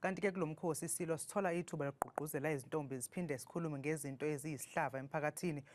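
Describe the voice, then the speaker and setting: A woman's voice: sits low, rapid-fire, background noise. A woman with a Zulu accent presenting scripted news as a studio anchor.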